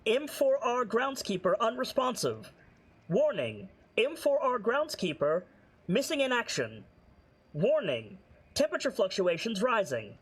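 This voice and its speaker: A man, the game master, voicing a clipped robotic custodian drone in flat machine-like announcements. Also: extremely high pitch, a little slow, slightly rough, voice pushed up, heavily acted. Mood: alarmed.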